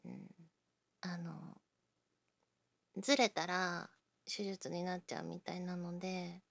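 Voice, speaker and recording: A woman chatting casually to her listeners, self-deprecating, often dropping into breathy near-whispers while she talks through an injured shoulder. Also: fairly low pitch, level tone, slow pace, dry recording. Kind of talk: casual personal talk to listeners.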